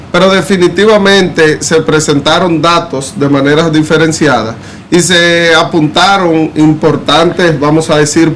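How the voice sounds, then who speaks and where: A man giving measured, explanatory commentary on a presidential debate in a casual discussion. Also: a little high, fairly bright tone, slight background noise. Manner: measured, explanatory, uses fillers like "eh" and "vamos a decir". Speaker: political commentator.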